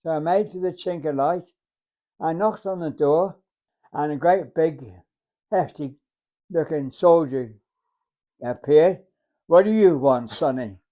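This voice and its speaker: A hundred-year-old man, a war veteran telling his memories in a halting, deliberate way. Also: on the high side, warm tone, highs cut off. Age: 100. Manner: halting, deliberate, acts out remembered dialogue. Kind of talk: unscripted reminiscence, storytelling.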